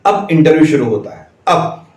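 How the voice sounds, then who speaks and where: Teacher guy telling his story slow and careful, talks to viewers like friends, echoey room. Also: fairly high pitch, expressive, darkish tone. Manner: measured, deliberate pauses. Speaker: schoolteacher and channel host.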